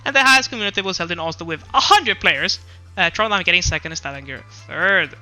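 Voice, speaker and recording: A man's voice: high-pitched, fast talker, pushed and bright, soft background music. A man casually presenting a recap slideshow, reading out results with chatty, self-deprecating asides and laughs at his own jokes. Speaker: presenter of a regional esports recap.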